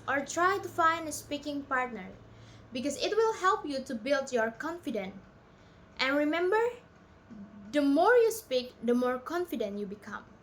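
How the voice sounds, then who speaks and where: Indonesian-accented female teacher, high voice, patient step-by-step explaining, slight room noise behind. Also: fairly bright tone. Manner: explains step by step, switching between two languages. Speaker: English teacher. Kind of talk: bilingual spoken lesson.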